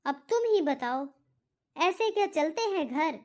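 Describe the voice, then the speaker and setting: A woman's voice: high voice, lively intonation, a little slow, a little mellow. A woman voicing a strict, stubborn middle-aged father in a cartoon. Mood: stern. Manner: stern, stubborn, lecturing. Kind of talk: cartoon voice acting.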